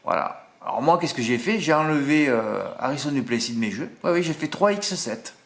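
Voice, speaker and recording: A man's voice: a little high, lively intonation, fairly quick. Chatty Marseille man in echoey room. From southern France. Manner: chatty, self-mocking, frequent "hein" asides. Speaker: horse racing tipster. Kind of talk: casual monologue.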